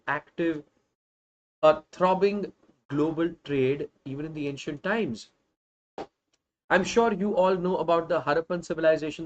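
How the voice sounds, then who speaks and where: An online social science teacher in his thirties with a North Indian accent gives an emphatic live revision lecture to students, slipping in Hindi phrases. His voice is fairly high in pitch, and the audio sounds dull.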